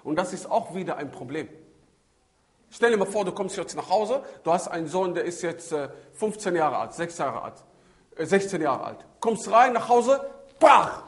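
At a normal speed and in a high male voice, an Islamic preacher talks about child-rearing. His storytelling is animated, with emphasis that keeps shifting, and he adds Arabic religious phrases along the way.

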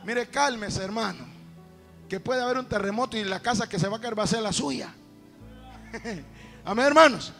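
A man preaching fervently in a church, his voice sitting very high with a gravelly edge. He drops to quiet asides, then rises to shouted praise. Soft music plays underneath. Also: moderate pace, long pauses. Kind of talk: sermon.

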